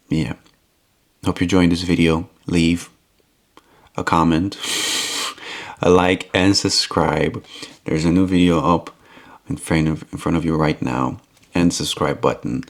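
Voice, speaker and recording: A man from Romania talking earnestly to the camera in a rambling vlog monologue, often repeating himself. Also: low voice. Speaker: YouTube vlogger.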